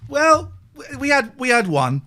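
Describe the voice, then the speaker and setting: A man hosting a live late-night streamed radio chat, animated and self-mocking. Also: very high voice, measured pace. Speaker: host.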